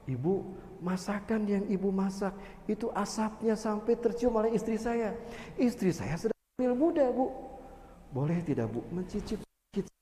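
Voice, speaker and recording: A man playing a humble cobbler who asks his neighbor softly and politely, in an echoey mosque hall. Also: sits high, animated, moderate pace. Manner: soft, polite.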